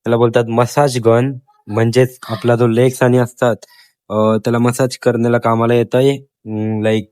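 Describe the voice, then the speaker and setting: A man's voice: mid-range voice, flat delivery, normal speed, a little mellow, clean tone. A young man with a Marathi accent, chatting casually to his viewers in a daily vlog. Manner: chatty, addresses viewers as friends. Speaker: vlogger.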